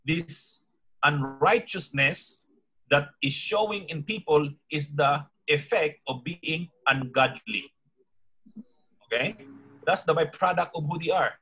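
A man preaching in an interactive Bible lesson, putting questions to his listeners and reading verses slowly with emphasis. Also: fairly high pitch, pushed and bright, a little hiss or hum, poor audio.

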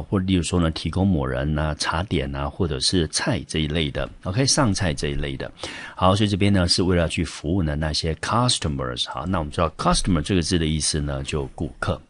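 A man's voice: sits low, dry recording. A man teaching English vocabulary in Taiwanese-accented Mandarin, explaining example sentences patiently with frequent fillers.

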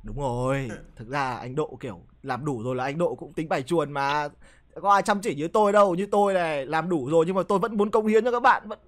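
A man's voice: a little high, a little fast. A man in casual chat among friends, defending himself and swearing freely. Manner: defensive, profane.

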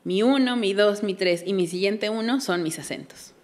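A woman's voice: mid-range voice, normal speed, a little mellow. A woman, a belly dance teacher, explaining patiently in a casual interview and counting beats aloud.

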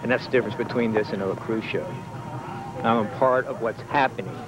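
A man's voice: on the low side, brisk, loud music behind the voice, poor audio. A man, a cruise passenger, speaking earnestly and reflectively. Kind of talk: casual interview remarks.

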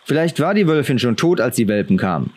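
Male reader voicing a superstitious castle guard in a fantasy audiobook, pitched up, wary, expressive reading. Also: quick pace, breathy edge. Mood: uneasy.

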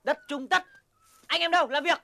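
An actor playing a brutish gold-digger gang boss who shouts insults and orders in a film drama. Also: male voice, extremely high pitch, normal speed, vocal fry. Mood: aggressive. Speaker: leader of illegal gold diggers. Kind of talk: Vietnamese film drama acting. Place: outdoors on a hillside. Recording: brawling crowd and loud noise behind.

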